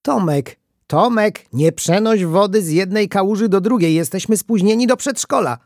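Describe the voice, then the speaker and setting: A man voicing excited little kindergarten children in a children's storybook reading, with a high, shrill calling voice. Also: moderate pace, dry recording, clean studio sound. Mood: scolding.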